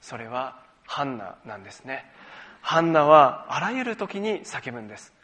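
A pastor preaching a sermon, explaining scripture step by step and leading the congregation in reading it aloud, with touches of gentle self-deprecating humor. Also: male voice, mid-range voice, big pitch swings, normal speed.

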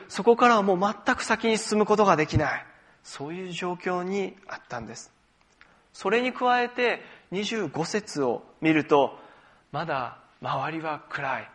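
A pastor preaching a sermon, explaining scripture step by step and leading the congregation in reading it aloud, with touches of gentle self-deprecating humor. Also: male voice, a little high.

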